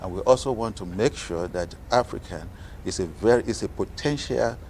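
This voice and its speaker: A low-voiced man from Nigeria, a guest in a TV interview, speaks in a measured way with frequent fillers. A faint background noise is present. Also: darkish tone. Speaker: guest, organization president.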